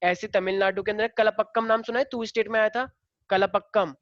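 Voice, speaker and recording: A man's voice: sits high, fairly even intonation, a little fast, fairly bright tone, highs cut off. Male teacher quizzing his class. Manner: explains by asking the class questions; casual, familiar with students. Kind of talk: classroom lecture.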